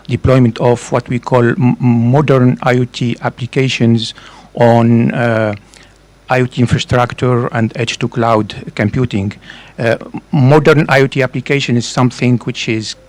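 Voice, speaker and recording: A man with a French accent, a professor giving a conference presentation, hesitant with frequent fillers and restarts. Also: medium pitch. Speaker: professor and researcher.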